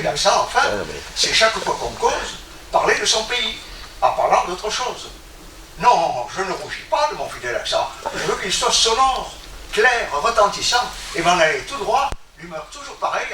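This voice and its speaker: Guy declaiming a poem, voice rising and falling a lot, a bit high, echoey room from afar w/ noise. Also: recorded from a distance. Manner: expressive, declamatory delivery. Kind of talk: reciting a poem from memory.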